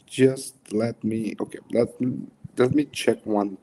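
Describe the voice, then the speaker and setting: A young man with a Mexican accent and native Spanish, coaching in a casual, halting livestream chat. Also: lowish voice, fairly even intonation, warm tone. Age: young adult. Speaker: coach hosting a livestream workshop.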